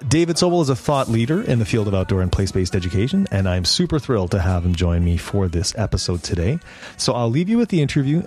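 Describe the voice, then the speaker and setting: A man with a French accent hosts an education podcast in interview form, eager and a bit rambling as he restarts his sentences. His voice is lowish and a little mellow.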